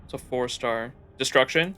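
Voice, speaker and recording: Bright-voiced excitable young male streamer. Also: medium pitch, moderate pace, smooth. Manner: excitable, joking, swears, reads quests aloud. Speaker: livestreamer. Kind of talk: casual gameplay commentary. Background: game music.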